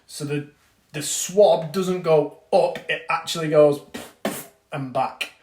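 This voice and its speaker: A man's voice: a little high, fairly even intonation, slow pace, a little mellow. A man, a fitness coach, giving a casual live-stream breathing lesson and answering viewers. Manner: chatty, reads out viewer comments, swears casually. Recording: echoey room.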